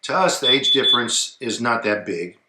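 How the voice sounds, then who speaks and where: A man co-hosting a casual advice chat, talking in a relaxed way that trails off quietly, and reading a viewer's email aloud. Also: medium pitch, normal speed, roomy sound, very noisy. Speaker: co-host of an advice show.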